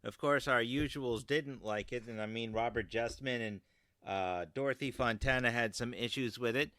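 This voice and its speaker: A man hosting a podcast in casual chat, talkative and quick to laugh. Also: mid-range voice, pushed and bright, no echo. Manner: chatty, laughs often. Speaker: podcast host.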